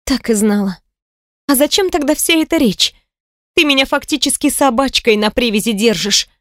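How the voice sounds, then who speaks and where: A woman reading an audiobook, voicing a hurt young woman in a higher, bitter and sarcastic voice. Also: animated, moderate pace, a bit bright, dry recording, clean studio sound. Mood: defiant.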